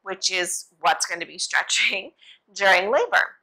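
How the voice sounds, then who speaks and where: A woman's voice: medium pitch, lively intonation, a little slow, sharp tone, slightly rough, poor audio. A young woman giving a casual, instructional exercise demonstration in an informal, reassuring and encouraging manner, as a yoga teacher would.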